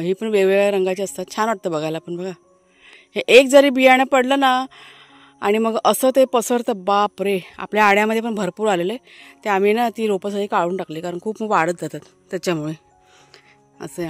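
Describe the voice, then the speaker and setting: Showing her village garden outside, a vlogger talks to her audience at a normal pace in a medium-pitched voice, peppering her casual narration with fillers. There's no echo, and faint music sits in the background.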